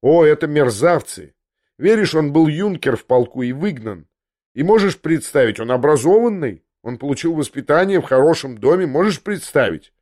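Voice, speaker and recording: A man's voice: fairly high pitch, animated, moderate pace, darkish tone. A man voicing an irritable, domineering young man who snaps and rants. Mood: ranting. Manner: irritable, snapping.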